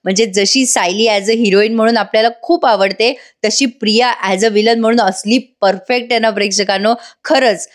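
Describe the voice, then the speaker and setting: A woman's voice: a little high, fairly even intonation, normal speed, few pauses. A woman hosting a voice-over episode review, recapping in a chatty way and speaking directly to viewers. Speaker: serial review host.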